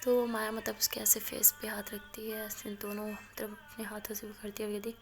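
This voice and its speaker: A woman telling a love story aloud in a casual, chatty way. She sometimes drops into soft near-whispers. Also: medium pitch, completely flat delivery, moderate pace, music in the background.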